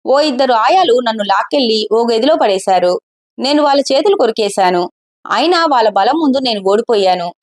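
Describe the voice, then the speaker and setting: A woman's voice: on the high side, natural voice. A woman reading as a grieving young husband. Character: grieving young married man, guarded.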